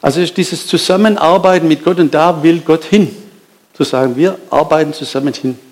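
Lively, emphatic German preacher man. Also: fairly high pitch, a little fast. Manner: lively, emphatic preaching with restarts and rhetorical questions; addresses listeners directly. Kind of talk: sermon.

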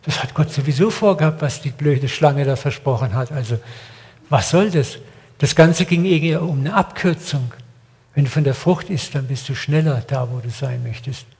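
A man's voice: medium pitch, normal speed, creaky, darkish tone. An older man preaching a sermon in blunt, colloquial words, often asking his listeners rhetorical questions. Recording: long hall reverb.

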